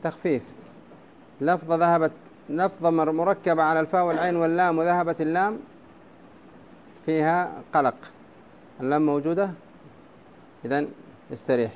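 A man's voice: on the high side, fairly even intonation, fairly quick, pauses often, slight background noise. A man teaching a class on Arabic prosody, explaining step by step and quizzing his students with questions. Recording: dull lo-fi classroom recording.

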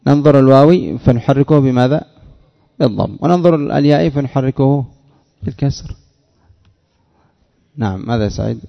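A man's voice: mid-range voice, lively intonation, creaky, lo-fi sound. A man teaching Arabic morphology in class, reading a text aloud, then explaining it and quizzing students with questions he often answers himself. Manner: halting restarts when searching for words.

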